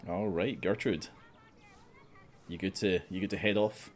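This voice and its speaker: Male game master, very low voice, playful storyteller. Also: steady tone, a little slow, slight background noise. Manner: amused, often laughing, theatrical rhyming narration. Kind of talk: narrating a tabletop game.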